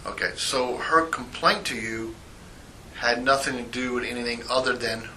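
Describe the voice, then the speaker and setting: A man working as an internal affairs sergeant, questioning a witness on a recorded interview tape in a measured, procedural manner. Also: mid-range voice, sharp tone, rough recording. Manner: measured, procedural, reads out formal statements. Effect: old recorded interrogation tape. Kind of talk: formal sworn-statement questioning. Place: interview room. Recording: faint hiss on an interview tape.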